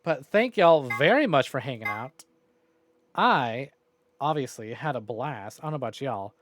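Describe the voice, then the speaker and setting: At a measured pace, a male gamer wraps up his stream with loose, rambling talk to his audience, now and then swearing mildly. His medium-pitched voice is animated and fairly bright, and there's a little background noise.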